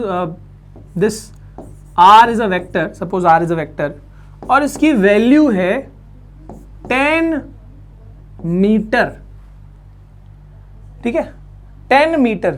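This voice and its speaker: A male physics teacher from India giving a classroom lecture, chatty and coaxing, asking questions and answering them himself. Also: very high-pitched. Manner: coaxing, reassuring students.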